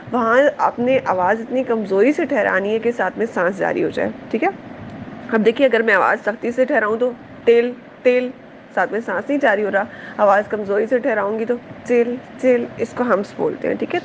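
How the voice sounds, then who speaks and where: Teaching tajweed, this woman walks her students through Quranic pronunciation sound by sound, slowing down to repeat and making sure they follow. Her voice leans high, and the dull audio carries slight background noise.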